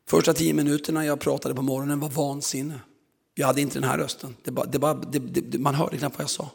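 Man, preacher, strained gravelly delivery, storytelling sermon in a reverberant hall. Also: medium pitch, flat delivery. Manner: storytelling, acts out quoted voices. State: strained, recovering voice.

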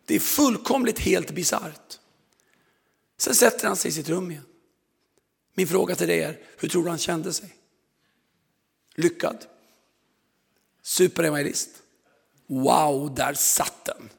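A man's voice: on the high side, gravelly, pauses often, slightly rough, in a large hall. A man preaching a sermon, telling stories and acting out the people in them, his voice strained. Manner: storytelling, acts out quoted voices. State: strained, recovering voice.

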